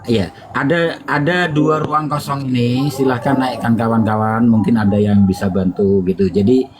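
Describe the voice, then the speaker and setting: A man asking questions in an online discussion over a voice call, hesitant and full of drawn-out fillers. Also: medium pitch, fairly even intonation, noisy background.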